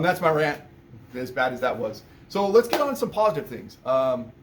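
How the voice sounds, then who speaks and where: Guy running a car repair shop, chatty and rambling, bit of a higher voice, faint shop hum behind. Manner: rambling, conversational, many restarts and fillers. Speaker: auto repair shop owner. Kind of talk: casual shop update vlog.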